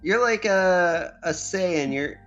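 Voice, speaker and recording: Casual jokey commentator on a visual novel playthrough, mid pitched, really animated. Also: takes it slowly, lo-fi sound, faint music behind. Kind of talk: casual joking chat.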